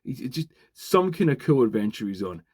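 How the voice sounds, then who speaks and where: A man, chatting casually and excitedly while unboxing and reviewing a toy, swearing freely as he rambles. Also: medium pitch, fairly quick, slightly rough. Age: 20s. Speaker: toy reviewer, channel host.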